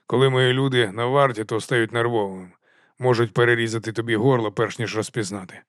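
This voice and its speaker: A man reading an audiobook, voicing a gruff, suspicious male leader who speaks curtly. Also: mid-range voice, steady tone, fairly quick, dry recording, clean studio sound, close to an everyday voice. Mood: stern. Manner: curt, suspicious, grumbling.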